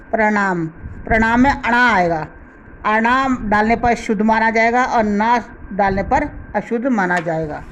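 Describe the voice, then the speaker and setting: A woman teaching a grammar lesson, who speaks slowly and deliberately and repeats each example word. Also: medium pitch, slight background noise, low-quality recording. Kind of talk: slow explanatory lesson.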